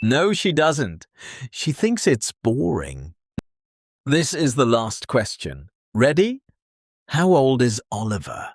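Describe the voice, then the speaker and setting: A man with a British accent presenting an English lesson for beginners in a slow, clear teaching voice. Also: mid-range voice, huge pitch swings. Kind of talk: scripted lesson narration.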